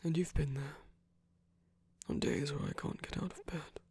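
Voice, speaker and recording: Half-whispering in romantic ASMR roleplay audio, a man plays a husky, tender villain who is commanding as he comforts his lover. His soft, breathy voice sits on the high side, often drops to a whisper, and keeps a fairly even intonation. He sounds tender and reassuring, moving slowly and gently with measured, deliberate pauses.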